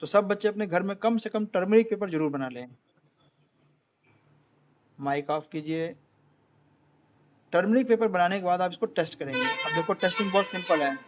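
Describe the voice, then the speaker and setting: A man's voice: sits high, moderate pace, long pauses, music in the background. A man with an Indian accent teaching an online science class in Hindi, explaining step by step and often checking whether students follow.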